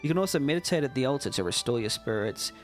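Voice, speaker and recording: A man reading aloud the lines of a helpful town guide in a game, brisk and explanatory. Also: medium pitch, animated, soft background music, lightly acted.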